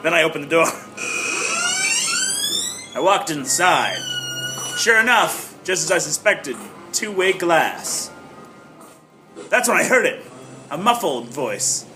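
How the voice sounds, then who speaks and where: A man's voice: fairly high pitch, big pitch swings, slow pace, pauses often, music in the background, poor audio. A man playing a wry, unflappable private eye who narrates his case in short, clipped noir sentences in an improvised audio drama. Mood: narrating.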